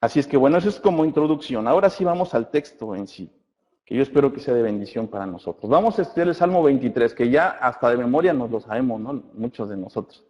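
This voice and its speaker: A man teaching a church Bible study class, often checking in with his listeners and reading scripture aloud slowly. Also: mid-range voice, expressive, a little mellow. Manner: addresses listeners as brothers, asks checking questions. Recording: muffled recording in a reverberant hall.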